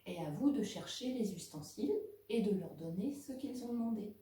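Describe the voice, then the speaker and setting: A woman teaching a home lesson to young children, speaking slowly and clearly to the kids and their parents. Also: mid-range voice, lively intonation, dark tone. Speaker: kindergarten teacher. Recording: very echoey room, voice from a distance.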